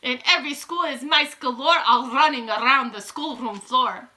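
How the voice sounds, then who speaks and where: A woman voicing a wicked old witch from a storybook, shouting imperiously and chanting in broken grammar as she gloats. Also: high-pitched, normal speed. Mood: gloating chant. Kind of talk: dramatic storybook read-aloud.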